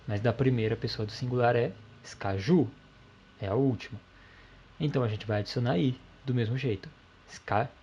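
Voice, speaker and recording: Mellow-voiced man explaining grammar. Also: medium pitch, brisk, muffled recording, a little hiss or hum. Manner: calm, explanatory, checks in with "ok?". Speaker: language teacher.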